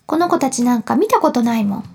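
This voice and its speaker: A woman's voice: fairly high pitch, lively intonation, fast, creaky, mellow, faint music behind. Give me a woman playing a flippant girl brushing things off. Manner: offhand, flippant. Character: flippant, aloof older sister girl.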